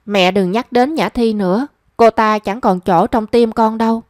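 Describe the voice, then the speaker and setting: A woman's voice: fairly high pitch, moderate pace, a little mellow, no echo, clean studio sound, natural voice. A woman reading a young man's lines in a story, his speech pleading and self-reproaching. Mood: rueful. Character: lovesick young man, pleading and rueful.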